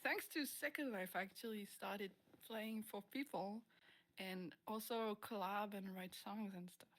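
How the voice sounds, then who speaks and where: A woman's voice: mid-range voice, unhurried, fairly bright tone. A woman from France, a native French speaker, chatting casually in an interview about her music and laughing often as she searches for English words.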